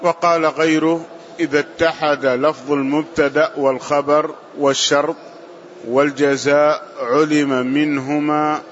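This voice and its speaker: A man reading passages of a classical text aloud in a lesson, in a steady, formal recitation. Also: on the high side, unhurried. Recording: muffled lo-fi audio with faint hiss.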